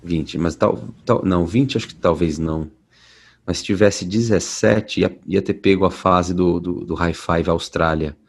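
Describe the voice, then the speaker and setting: A man, a voice actor being interviewed, telling stories in a relaxed way from home. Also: sits low, measured pace, vocal fry, slightly rough. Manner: relaxed storytelling, many restarts. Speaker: voice actor guest. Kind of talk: casual interview talk. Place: at home at night.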